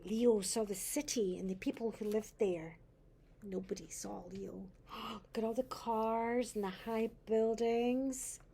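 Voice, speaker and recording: A sweet old lady reads a picture book aloud to a little one. Her voice is mellow and relaxed, with a gentle grandmotherly way of pointing things out. Some background noise sits faintly behind her. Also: fairly high pitch, slow, creaky. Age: older. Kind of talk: picture-book storytelling for a small child.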